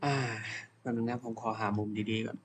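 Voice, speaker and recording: A young man casually commentating his own video game play, excitable, calling out attack names and humming along in fights. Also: mid-range voice, fairly quick, slight background noise. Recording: game music behind the voice.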